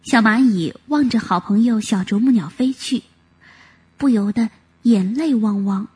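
A woman narrating a children's story in an expressive, animated way. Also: a little high, measured pace, slightly rough.

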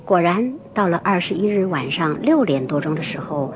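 A woman telling a folktale in scripted narration, expressive and lively. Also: on the low side, moderate pace, background noise. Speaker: storyteller. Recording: muffled lo-fi recording, soft music.

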